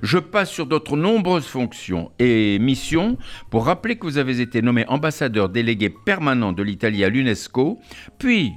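A man's voice: mid-range voice, sing-song, normal speed. A man hosting a radio interview show, formally reading out a long introduction of his guest with some hesitations. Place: radio studio.

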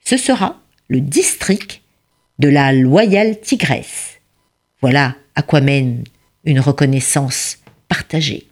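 A woman storyteller reading a folktale aloud, expressive and chatty, turning to the listener with asides. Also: a bass voice, slow pace.

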